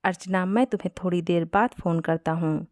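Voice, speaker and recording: A woman's voice: lowish voice, fairly even intonation, a little fast, no room sound, studio quality, natural voice. Young man, read by a woman, firm and polite. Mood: hurried. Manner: firm, irritated.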